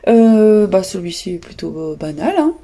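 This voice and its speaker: A woman vlogger chatting casually about her latest books, hesitant with many pauses and fillers. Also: medium pitch, sing-song, dark tone. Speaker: book vlogger. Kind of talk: casual chat showing books.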